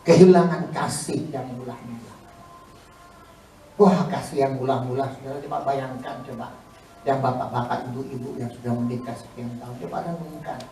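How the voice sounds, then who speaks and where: A male pastor preaching a sermon in animated swings between loud emphasis and hushed asides, acting out quoted congregants. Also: medium pitch, moderate pace, a little hiss or hum. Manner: acts out quoted congregants in a mocking voice. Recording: echoey hall, mic at a distance.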